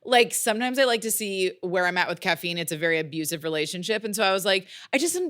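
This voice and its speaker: A young woman co-hosts a podcast, telling stories in a bubbly, casual way. Her voice sits a little low and sometimes goes flat and deadpan. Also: quick pace, clean tone. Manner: bubbly storyteller, drops into flat low voice at times. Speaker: podcast co-host. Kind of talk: casual chat.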